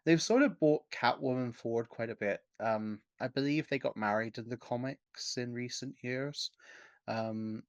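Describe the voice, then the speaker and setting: A man co-hosting a podcast, speaking in a measured way and often searching for the right words. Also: mid-range voice, no room sound, dull audio. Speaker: podcast co-host. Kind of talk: casual podcast discussion.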